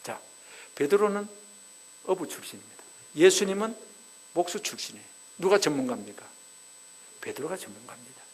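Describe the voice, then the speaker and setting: A man's voice: sits high, sing-song, a little fast, long pauses, breathy edge, poor audio. A male pastor delivering a revival sermon, telling stories and asking the congregation rhetorical questions. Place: church sanctuary.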